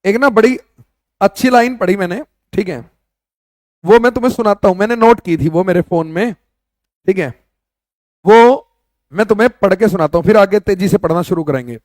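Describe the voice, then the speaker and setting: Loud emphatic male teacher, very high voice. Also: moderate pace, pauses often, no room sound, clean studio sound. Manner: loud, emphatic, addresses students as beta and bhaiya. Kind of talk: online exam-prep class.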